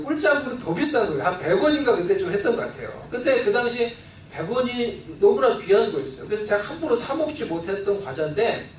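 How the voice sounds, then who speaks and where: A man preaching a sermon as pastor, telling a childhood story in an animated way and acting out the voices he quotes, with a Seoul Korean accent. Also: high voice, a little hiss or hum. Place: church sanctuary. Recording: roomy, distant church recording with faint ambience.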